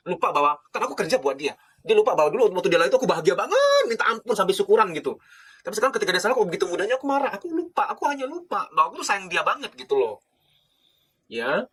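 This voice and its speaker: A middle-aged man from Indonesia lectures as a psychologist in quick, rushing bursts. His voice is bright and forceful. He swings from loud, urgent pleading to soft, hushed asides. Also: a little high, husky. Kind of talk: passionate spoken lecture.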